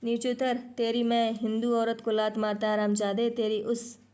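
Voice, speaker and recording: A woman voicing a thin, excitable male clerk who shouts insults in a storybook reading. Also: mid-range voice, measured pace, close to an everyday voice. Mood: furious.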